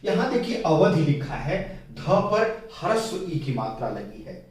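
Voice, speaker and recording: A man teaching a Hindi spelling lesson, explaining slowly and repeating his key points with patience. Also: on the high side, sing-song, a little mellow. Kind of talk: whiteboard grammar lesson. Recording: very echoey room, mic at a distance.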